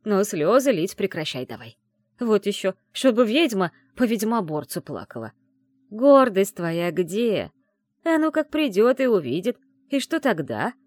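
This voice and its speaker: A woman doing a gruff old village witch. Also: medium pitch, very animated, a little slow, a little mellow, dry recording, studio quality. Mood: lecturing. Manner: scolding, down-to-earth, teasing. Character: old grey-haired village witch, gruff caring guardian.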